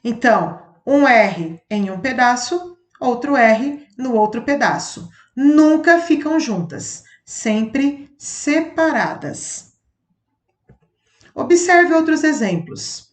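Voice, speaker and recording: A woman's voice: high voice, expressive, slow. A woman teaching a phonics lesson, stretching out each example word and spelling it out with careful enunciation. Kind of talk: slow classroom phonics lesson. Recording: echoey room.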